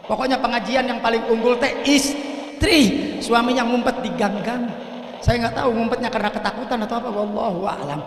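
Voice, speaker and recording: High-voiced preacher man in an echoey hall. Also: steady tone, fairly quick, a little hiss or hum. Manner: shouting bursts and teasing questions to the women. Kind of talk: lively sermon to a congregation.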